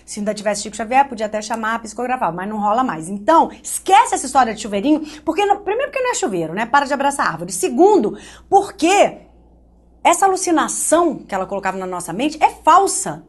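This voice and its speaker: A woman from Brazil teaching an online grammar lesson, lively and joking, speaking straight to the student. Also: fairly high pitch, fast.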